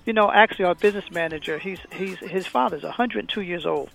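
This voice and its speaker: Man, high voice, gravelly, singer guest on radio, chatty and laughing, faint music behind. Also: fast talker, a bit bright, low-quality recording. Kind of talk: casual on-air chat.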